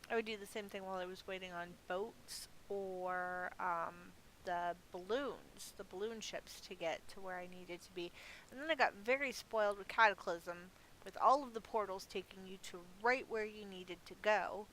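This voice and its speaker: This gaming video host, a middle-aged woman, chats and amuses herself while musing through loose gameplay commentary. She speaks at a moderate pace in a medium, slightly bright voice. The low-quality recording carries noticeable hiss.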